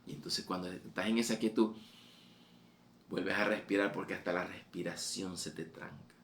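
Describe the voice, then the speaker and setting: Gravelly low-voiced male preacher. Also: fairly even intonation, moderate pace, fairly bright tone, slight background noise. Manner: fervent, repetitive, voice rising on quoted exhortations. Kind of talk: sermon.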